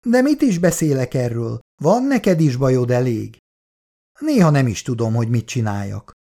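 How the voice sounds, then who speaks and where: A man's voice: medium pitch, sing-song, warm tone. A reader voicing Laci, a troubled young man unsure about his love, in a storybook reading. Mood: brooding.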